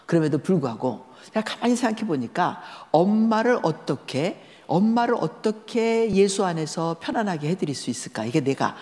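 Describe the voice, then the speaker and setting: A woman's voice: on the low side, moderate pace, few pauses. A woman giving a storytelling sermon at a church seminar, talking conversationally and asking the listeners questions. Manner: lively, conversational, asks the audience questions. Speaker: guest lecturer at a church seminar. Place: large church sanctuary. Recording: echoey church hall.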